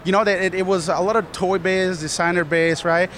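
A man's voice: sits high, fairly even intonation, brisk, fairly bright tone, a little hiss or hum. A man from Colombia answering interview questions earnestly, rambling with many "you know"s. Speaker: studio manager, guest.

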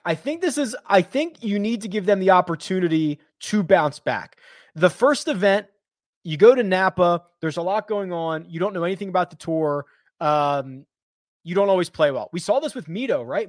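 A man's voice: high-pitched, no echo, studio quality. A man hosting a live stream, chatting casually with loose fillers and restarts as he answers viewer questions.

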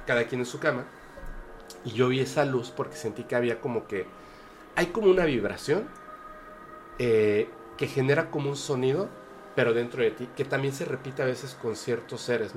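A man with a Mexican Spanish accent telling a personal story on a podcast, earnest and hesitant with many fillers and restarts. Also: mid-range voice. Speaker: podcast guest. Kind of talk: casual storytelling.

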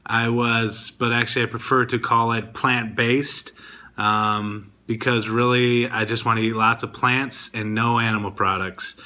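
A man's voice: medium pitch, flat delivery, measured pace, pushed and bright. A man hosting his own video podcast, talking casually and rambling a bit with frequent ums. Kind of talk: casual diet vlog talk.

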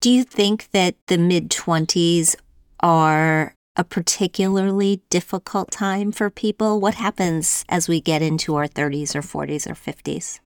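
A woman's voice: lowish voice, unhurried, clear, resonant tone, no echo, studio quality. A woman in her late fifties hosting an interview conversationally, asking questions and relating them to her own experience. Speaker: interviewer, host.

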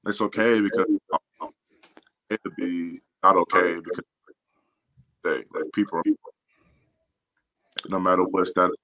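A man speaking as an interview guest over a call whose audio keeps breaking up, talking haltingly with many restarts. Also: low voice, fairly even intonation, sharp tone, no room sound, low-quality recording. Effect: choppy connection, audio breaking up. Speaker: interview guest, college football player. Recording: dropouts on a video call line.

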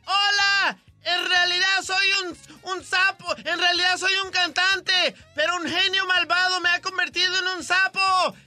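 A man's voice: unhurried, soft background music, full character voice. A man voicing a chirpy enchanted male frog who claims to be a cursed singer, in a joke told on a radio comedy show. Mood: eager. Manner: squeaky, excited, calling out.

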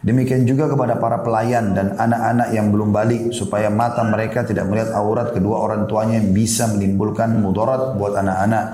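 A man's voice: lowish voice, warm tone, reverberant. A male Islamic preacher giving a conversational lecture to parents, raising his voice to act out children's and parents' questions.

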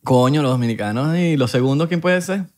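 A man's voice: medium pitch, a little fast, a little mellow. Joking Venezuelan man chatting. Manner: joking, slangy banter. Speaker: podcast co-host. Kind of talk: casual chat.

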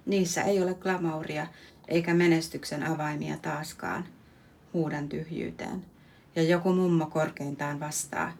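Woman, 30s, podcast host; low, even delivery for a measured, reflective poetry reading. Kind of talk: reading her own prose poem.

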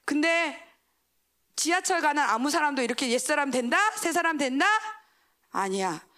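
A woman preaching a sermon, asking the congregation questions and answering them herself, swinging between raised exclamations and hushed asides. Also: sits high, lively intonation, normal speed.

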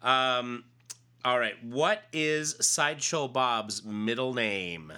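A quizmaster in a casual trivia chat, hesitant and quick to laugh. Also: mid-range voice, pushed and bright, clean tone.

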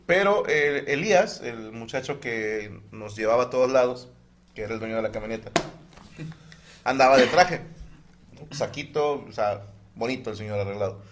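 A man's voice: medium pitch, moderate pace, a little hiss or hum. A man telling stories in a casual comedic podcast chat and acting out other people's lines. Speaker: podcast co-host.

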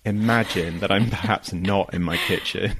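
A man's voice: low voice, fairly even intonation, moderate pace, a bit bright, breathy edge. A young adult man hosting a podcast, chatting casually and laughing often with a guest who joins remotely. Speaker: podcast host.

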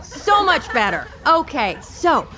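Over a crowd in the background, an actress plays a peppy, sassy corporate tour guide in an audio drama, addressing a school group. Her high-pitched voice swings widely in pitch as she speaks slowly, heavily acted, perky, chirpy, over-enthusiastic and coaxing.

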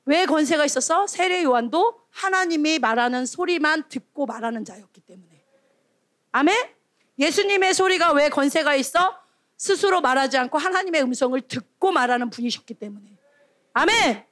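A female junior preacher giving a lively sermon to children and teens, asking the room questions and acting out scolding voices. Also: high-pitched, moderate pace, no echo. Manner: animated, calls out questions and acts out scolding voices. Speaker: junior preacher at a youth retreat.

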